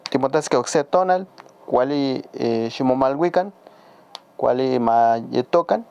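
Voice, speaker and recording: A man with a Mexican Spanish accent teaching a casual spoken language lesson, patiently repeating words slowly for learners. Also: mid-range voice, expressive, vocal fry, a little mellow, smooth, highs cut off.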